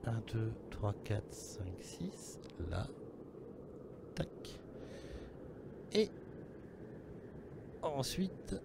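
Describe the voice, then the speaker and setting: A man's voice: lowish voice, big pitch swings, extremely slow, gravelly, long pauses, heavy background noise. A man running an online tabletop game as game master, casual and teasing, swearing freely. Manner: casual, swears, teases players.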